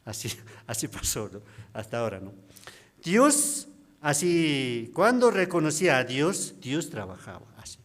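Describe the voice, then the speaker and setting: A man's voice: big pitch swings, unhurried. A man, a deacon giving a personal testimony at a prayer service in a chatty storytelling way, often tagging his sentences with a questioning "no?". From Bolivia. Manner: conversational storytelling, frequent tag questions, pitch jumps when quoting others.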